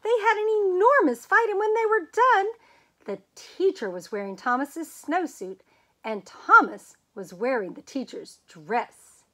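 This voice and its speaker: A woman reading a children's picture book aloud as a storyteller, with expressive, dramatic emphasis and drawn-out words. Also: extremely high pitch.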